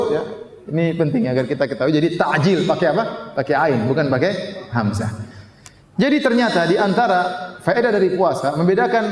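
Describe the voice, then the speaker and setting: A man giving a lively Islamic sermon, joking with listeners and quoting Arabic. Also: on the high side. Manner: lively, jokes with the audience, quotes Arabic. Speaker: Islamic preacher. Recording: echoey hall with long reverb.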